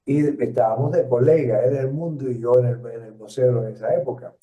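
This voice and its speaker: A man in his seventies with a Puerto Rican Spanish accent, telling stories in an interview, reflective and halting with many fillers and restarts. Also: medium pitch, warm tone. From Puerto Rico. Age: 70s. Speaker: interviewee, retired journalist. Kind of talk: storytelling interview. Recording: roomy, distant, dull lo-fi sound.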